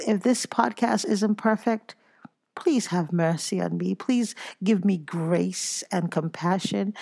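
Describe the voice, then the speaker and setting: A woman hosting her own podcast, talking earnestly and reflectively and breaking into lively, self-mocking stories. She is tired after a workout. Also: mid-range voice, creaky. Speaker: podcast host. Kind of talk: casual solo podcast monologue.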